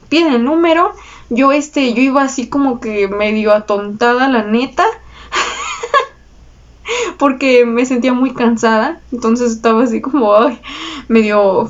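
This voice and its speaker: A woman hosting an astrology channel speaks at normal speed in a fairly high voice with a Mexican Spanish accent, recorded with lo-fi sound. Casually recounting a personal story to viewers, she's confessional and chatty, slips in slang and tag questions, and laughs a lot.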